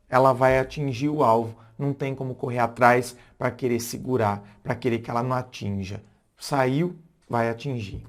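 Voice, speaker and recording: A Brazilian man, a philosopher, talking casually about relationships, reflective and rephrasing himself often with fillers and restarts. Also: medium pitch. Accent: Brazilian Portuguese. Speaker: philosopher giving relationship advice. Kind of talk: casual spoken lesson to camera.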